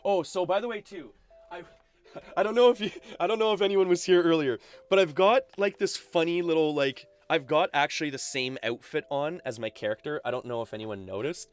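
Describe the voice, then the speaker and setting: A man's voice: fairly high pitch, fairly quick. A Canadian man chatting casually on his live game stream through a headset, full of fillers and laughs.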